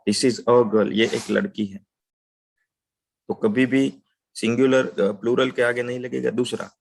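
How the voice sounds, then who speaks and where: A man teaching an English grammar lesson, explaining patiently, checking in with "right?" and saying example sentences slowly. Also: mid-range voice, creaky.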